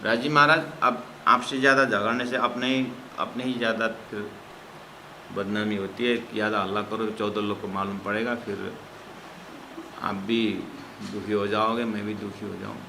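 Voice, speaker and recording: A middle-aged man giving a devotional scripture lesson as a religious teacher, pleading and impassioned, with big swings in loudness. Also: lowish voice, flat delivery, moderate pace, gravelly, background noise.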